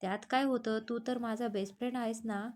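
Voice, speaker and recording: A woman reads aloud from a storybook, voicing a playful, innocent, cheeky young woman. Her voice is a little high, a little fast, and slightly mellow, with fairly even intonation and close to how she normally speaks.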